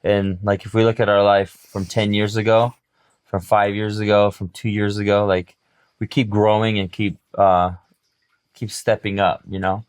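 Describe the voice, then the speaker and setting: A man's voice: on the low side, level tone, moderate pace, clear, resonant tone, no room sound, clean studio sound. A middle-aged man co-hosting a podcast, talking reflectively and motivationally in casual chat. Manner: reflective, motivational, uses sports examples. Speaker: podcast co-host.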